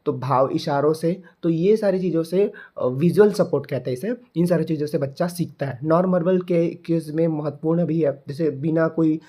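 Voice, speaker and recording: A man's voice: fairly high pitch, normal speed, few pauses, dark tone. A young man teaching an exam-prep lesson, explaining points in Hindi with English terms in an Indian accent and repeating ideas so they sink in.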